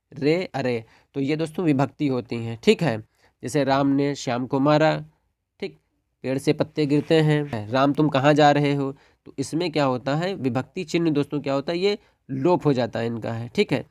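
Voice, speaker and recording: A man works through a solved exam paper for his students, reading each answer as a list and checking in with them after every point. His voice sits at a middle pitch and is recorded close and dry, with no room sound. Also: darkish tone, dry recording. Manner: repeats "dosto" and "theek hai", reads answers as dictated lists. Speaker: exam tutor. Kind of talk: exam paper walkthrough lesson.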